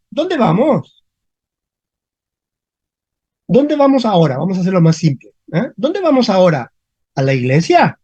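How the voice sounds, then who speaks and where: A teacher giving an online language lesson over a video call, speaking slowly, repeating example questions and often checking in with the class. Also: medium pitch, mellow, husky, no echo, highs cut off. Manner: slow, repeats questions, frequent checking tags. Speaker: Spanish grammar teacher.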